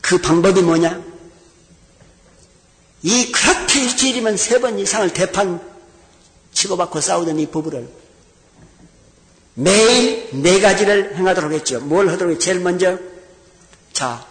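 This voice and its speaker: A man's voice: high voice, unhurried, pauses often. A male pastor preaching a sermon, telling a story and acting out the voices of the people in it. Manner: animated storyteller acting out dialogue. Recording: long hall reverb.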